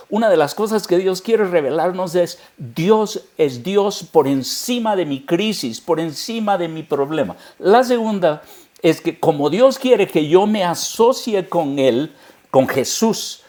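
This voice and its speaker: A man's voice: a little high, darkish tone. A man, a pastor, preaching a sermon earnestly and speaking straight to the listener.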